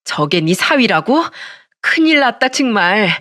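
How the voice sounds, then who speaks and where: A woman's voice: fairly high pitch, sing-song, measured pace, fairly bright tone, no echo, studio quality. A woman voicing a blunt, bossy middle-aged female school friend who scolds and accuses in a Korean storytelling recording. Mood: scolding. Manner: brash, scolding.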